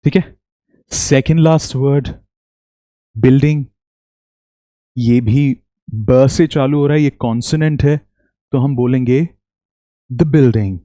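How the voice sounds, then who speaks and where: A man teaching English pronunciation in Hindi, leading slow repeat-after-me drills and praising often. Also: medium pitch, steady tone, dark tone, dry recording, clean studio sound. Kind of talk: spoken English lesson in Hindi.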